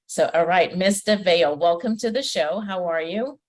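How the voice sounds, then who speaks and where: A woman's voice: lowish voice, moderate pace, a little mellow. A woman from Trinidad and Tobago hosting a podcast interview, chatty and welcoming, with frequent fillers. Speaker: podcast host and personal development coach. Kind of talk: conversational interview.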